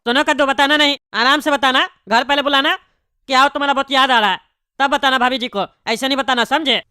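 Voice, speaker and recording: A woman's voice: high voice, fairly even intonation, brisk, heavy background noise, close to an everyday voice. Woman voicing a pompous bald politician. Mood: consoling. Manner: bossy, rambling, tactless consoling. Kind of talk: cartoon comedy dubbing.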